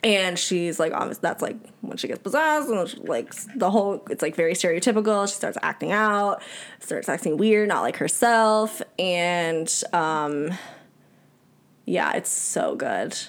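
A woman's voice: fairly low pitch, lively intonation, unhurried. Chatty young woman podcast host. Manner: chatty, rambling, many "like"s. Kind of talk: casual chat.

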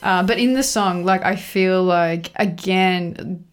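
A woman's voice: on the low side, takes it slowly, faint music behind. Wry woman podcast co-host. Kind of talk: podcast chat.

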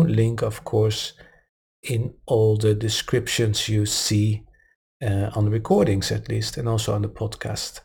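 A man hosting a meditation podcast, speaking casually and guiding listeners with calm, soothing instruction. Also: on the low side, gravelly, husky. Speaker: podcast host and meditation teacher.

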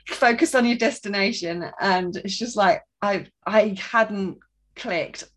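A woman tells a personal story in a relaxed, chatty flow, stopping to restart her sentences. She slips into quick impressions of the people she met, and her pitch sits in an ordinary middle range. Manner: chatty, restarts sentences, acts out quoted voices. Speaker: guest sharing a testimony. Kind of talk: casual storytelling.

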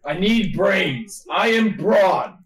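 A man doing a brawny alien ambassador, blunt and simple, dragging out each slow word with a slightly raised pitch, in a tabletop role-play. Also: lively intonation, heavily acted, poor audio. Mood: earnest.

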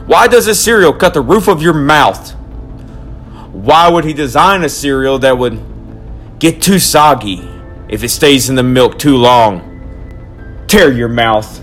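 An actor playing an excitable young man who rants theatrically about his odd grudges. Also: low-pitched, moderate pace, soft background music, natural voice. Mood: ranting. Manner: dramatic, ranting, overblown. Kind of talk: hobby audio drama.

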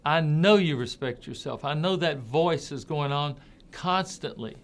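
A man hosts a motivational talk in a deliberate, earnest way. His voice sits somewhat high and he takes his time over every phrase. Now and then he slips into harsh, scolding voices to make his point. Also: animated. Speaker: host.

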